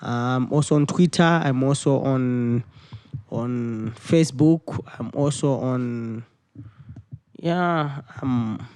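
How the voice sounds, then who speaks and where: Halting young man, dry studio. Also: mid-range voice, darkish tone, smooth, dry recording. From Zimbabwe. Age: 20s. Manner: halting, repeats words while searching for phrasing. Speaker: musician guest. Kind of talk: interview answers.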